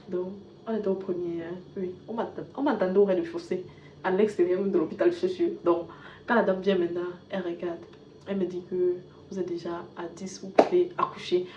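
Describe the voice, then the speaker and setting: A mid-pitched woman vlogger tells a personal story in an animated, casual way. Her volume jumps up for emphasis, then drops to soft asides. The sound is lo-fi and echoey, with a faint hiss behind it. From Cameroon. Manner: animated retelling, with bursts of loudness and soft asides.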